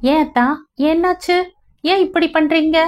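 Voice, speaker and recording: A woman's voice: extremely high pitch, measured pace, voice pushed up. A woman reading the part of a playful young wife who teases her husband, voice raised above her narration. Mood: worried. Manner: teasing, affectionate.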